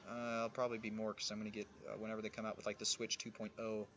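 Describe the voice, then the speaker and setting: A man's voice: lowish voice, monotone, rapid-fire, a bit bright, slight background noise. A man hosting a gaming livestream, chatting casually and rambling with many restarts and fillers while friends sit nearby. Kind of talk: casual chat while playing.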